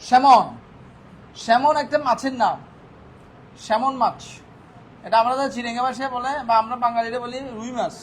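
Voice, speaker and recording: Here his very high-pitched voice moves briskly but leaves long pauses as he teaches vocabulary, asking the class questions and then answering them himself. Faint background noise runs through the rough recording.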